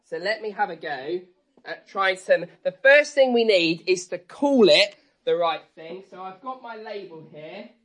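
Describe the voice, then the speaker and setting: A woman's voice: medium pitch, expressive, unhurried. Woman doing playful kids magician patter. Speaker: church children's talk leader. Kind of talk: interactive family sermon with magic-trick demonstration.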